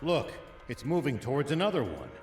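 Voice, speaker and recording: Calm careful game sidekick, varied pitch, echoey hall. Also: male voice, brisk, faint music behind. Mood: focused. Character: calm, cautious male companion in a game.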